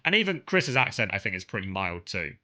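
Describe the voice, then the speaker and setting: This young man from Kent, with a southern English accent, rambles casually to his stream viewers, filling his talk with fillers and restarts. His voice sits on the low side yet sounds bright and forceful, moving briskly in a sing-song way.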